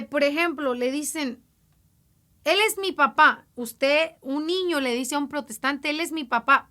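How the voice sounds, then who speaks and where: A woman giving an informal Bible lesson, speaking conversationally, asking her listeners rhetorical questions and drawing out words slowly for emphasis. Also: high voice, sharp tone. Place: lives in an English-speaking country.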